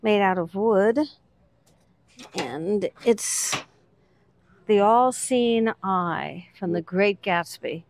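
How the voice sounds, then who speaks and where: A woman's voice: medium pitch, drawn-out words, pauses often, a little mellow. A woman hosting a vlog, chatting casually as she points out items on shop shelves one by one. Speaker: vlog host, reseller. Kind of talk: casual commentary while browsing a shop.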